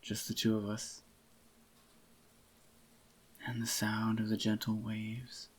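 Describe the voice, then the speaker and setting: In this soft-spoken ASMR piece, a male voice actor with a fairly low voice plays an adoring, possessive young boyfriend who is tender and clingy. He murmurs in a very flat, even, intimate and unhurried way, sounding slightly groggy as he dotes closely on the listener.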